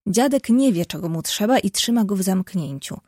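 A woman reading an audiobook, voicing a bold, kind-hearted teenage girl who talks frankly and briskly. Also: mid-range voice, animated, a little mellow, no echo, clean studio sound, close to an everyday voice.

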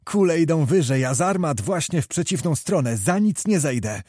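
A man voicing a small, fiery male knight who calls out battle news in an excited, breathless way. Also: fairly high pitch, moderate pace, dry recording, clean studio sound.

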